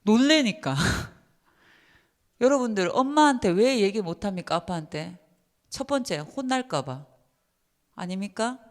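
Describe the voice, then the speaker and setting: A woman giving a seminar lecture to church teachers, emphatic and lively, often putting questions to her listeners. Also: medium pitch, unhurried, pauses often. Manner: lively and emphatic, asks the audience many questions. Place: church hall. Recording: long reverb of a church hall.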